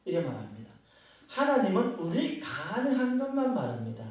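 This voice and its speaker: A man's voice: high voice, wildly swooping pitch, moderate pace, a little mellow. A male pastor preaching a sermon, explaining scripture and putting rhetorical questions to his congregation. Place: church sanctuary. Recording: very echoey church hall from far off.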